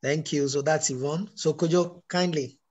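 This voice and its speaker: A man's voice: a little high, fairly even intonation, normal speed, a little mellow. A man moderating a conversation, politely introducing callers and inviting their questions in a formal way.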